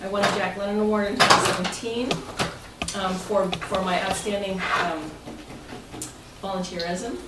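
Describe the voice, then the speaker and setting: With a mid-range voice, fairly even intonation and normal speed, a woman presents to a meeting as club president. She's playful and chatty, joking and inviting audience answers. The distant mic leaves the room sounding echoey and noisy.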